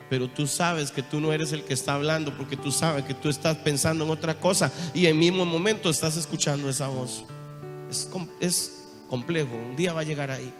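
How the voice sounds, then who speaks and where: High-voiced Costa Rican preacher in a hall. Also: male voice. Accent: Costa Rican Spanish. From Costa Rica. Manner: emotional testimony, swings from hushed to loud cries. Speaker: apostle preaching. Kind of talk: sermon. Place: large church hall. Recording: reverberant church hall. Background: soft guitar music.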